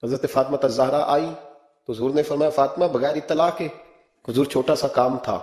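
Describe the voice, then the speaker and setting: A man's voice: medium pitch, fairly even intonation, a little mellow. Impassioned man preaching, echoey. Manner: impassioned, rising into emphatic rhetorical questions; storytelling, acts out quoted speech. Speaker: Islamic cleric. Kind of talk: sermon.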